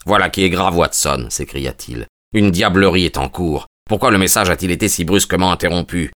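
A man voicing a sharp, commanding male detective in an audiobook, in a brisk and decisive manner. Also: low voice, lively intonation, dry recording, studio quality. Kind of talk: audiobook character reading.

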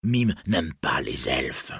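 A pleading old dwarf, fearful and poor, begging in a thin, raised, slow voice, as a man puts him on. The voice stays husky and dry, close to the mic, in a storybook reading. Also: extremely low pitch, sing-song, fairly bright tone, no room sound, full character voice. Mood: wary. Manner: pleading, speaks of himself by name.

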